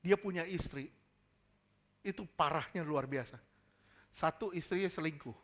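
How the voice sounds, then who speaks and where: A male pastor delivers a sermon with a high, bright, forceful voice. He drives his points home by repeating them and putting questions straight to the congregation. Casual slang slips into his preaching. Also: normal speed. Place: church service.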